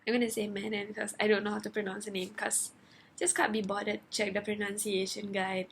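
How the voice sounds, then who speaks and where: A woman giving a casual book review for her vlog, gushing and animated as she acts out her own reactions. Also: mid-range voice, quick pace, a little hiss or hum. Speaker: book vlogger.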